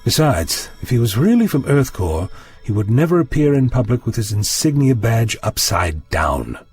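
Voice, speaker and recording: A man's voice: medium pitch, sing-song, normal speed, a little mellow, slightly rough. An eccentric, courteous traveller played by a man in an audio drama, with a mid-range voice that swings animatedly. He is observant and theatrically polite, explaining things with flourish over a faint bed of music. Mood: shrewd, confiding. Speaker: lead actor in audio drama.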